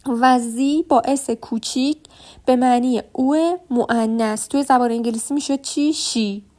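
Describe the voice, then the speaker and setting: Patient woman teaching, soft mellow voice. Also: fairly high pitch. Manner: patient, explains step by step and repeats sounds slowly. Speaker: German language teacher. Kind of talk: online language lesson.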